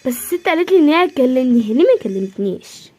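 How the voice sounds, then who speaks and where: A woman with an Egyptian accent acts out a whole homemade drama by herself, jumping quickly from one character's voice to the next. Her voice sits high and keeps a lively, playful pace throughout. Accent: Egyptian Arabic. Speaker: creator playing every part in a homemade series. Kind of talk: homemade role-play drama.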